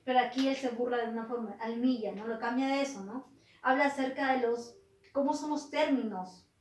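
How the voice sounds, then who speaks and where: A woman teacher, retelling a tale in a lively way, often ending with a tag question. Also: a little high, fairly quick, distant mic, slight background noise. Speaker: literature teacher. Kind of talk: retelling a story in a lesson. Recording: roomy, from off the mic.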